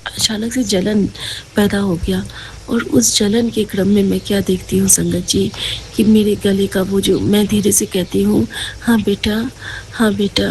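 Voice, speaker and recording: A woman giving a gentle, earnest devotional talk, often speaking straight to her listeners as she tells of a dream. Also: medium pitch, fairly even intonation, unhurried, a little hiss or hum, low-quality recording. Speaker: satsang speaker.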